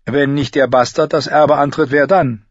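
A man's voice: mid-range voice, steady tone, moderate pace, no room sound, muffled recording, pitched above the performer's own voice, close to an everyday voice. A man reading an audiobook, voicing an earnest learned scholar making a case. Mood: insistent.

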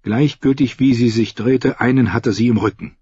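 A man narrating a story in a steady, measured way. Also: mid-range voice, breathy edge, dry recording. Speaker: audiobook narrator. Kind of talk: scripted narration. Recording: dull, dry close recording.

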